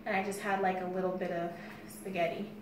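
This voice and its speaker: A woman's voice: lowish voice, level tone, a little fast. An American woman in her thirties chatting casually to the camera as a fitness vlogger. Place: bare-walled room indoors. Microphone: phone camera a few steps away. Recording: echoey room with faint background noise.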